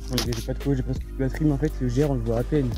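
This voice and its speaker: A young man vlogging while hiking alone on a mountain trail, talking into his phone in a rambling, hesitant way with many fillers, tired and low on spirits. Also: steady tone, very fast, dark tone, soft background music. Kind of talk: casual vlog to camera while trekking.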